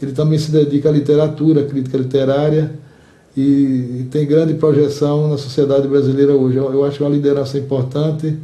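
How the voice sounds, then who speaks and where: As an association's outgoing president, an older Brazilian Portuguese–accented man replies in a measured, formal manner, choosing words with care and repeating some. He speaks at medium pitch with a warm tone.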